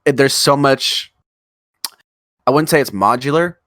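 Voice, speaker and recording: Casual co-host: guy, mid-pitched, chatty and excitable, close dry mic. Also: measured pace, no room sound. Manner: enthusiastic, rambling, swears casually. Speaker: podcast co-host. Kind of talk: casual chat.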